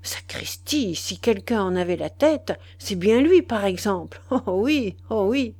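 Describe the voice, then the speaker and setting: A woman's voice: lowish voice, big pitch swings, slow, darkish tone, no room sound, full character voice. A woman reading the lines of a jealous young husband who keeps pressing and teasing his wife, in a storybook reading. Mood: insistent, teasing. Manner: coaxing, pressing, mocking.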